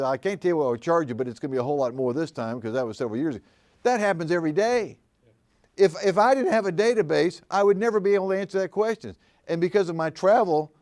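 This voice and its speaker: A man's voice: a little high, darkish tone. An older man teaching commercial real estate agents at a live seminar, telling folksy stories and asking the room questions. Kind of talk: live seminar talk to an audience.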